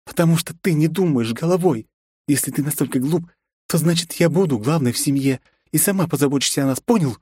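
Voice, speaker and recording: A fierce, icy huntress and volatile wife, put on by a male audiobook reader in a raised, strained pitch that turns to shrieks. The close, dry voice cuts sharply. She sounds scornful and menacing throughout. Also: a little fast, dark tone, slightly rough, no echo. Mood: cold. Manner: cold then shrieking, abusive. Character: fierce adult woman hunter, volatile wife.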